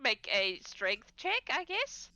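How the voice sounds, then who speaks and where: A woman's voice: high-pitched, wildly swooping pitch, slow, sharp tone, no echo. A woman acting as game master, narrating a tabletop game casually and off the cuff, often giggling through her sentences.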